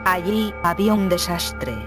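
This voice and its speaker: A text-to-speech voice narrating true horror stories in an even, steady reading. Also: medium pitch, measured pace, over music. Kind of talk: scripted horror story narration.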